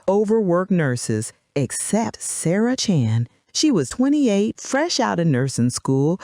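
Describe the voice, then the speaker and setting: An older woman tells her own life story in scripted narration, dropping short clipped lines for drama. Her pitch rises and falls in a lively way. The sound is dry and close. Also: no echo.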